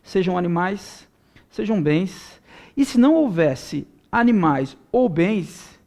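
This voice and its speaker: A young male pastor with a notably high voice delivers an earnest sermon for viewers at home. He builds from steady teaching into loud, impassioned pleas. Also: slow. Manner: earnest preaching, swelling loud in prayer-like pleas.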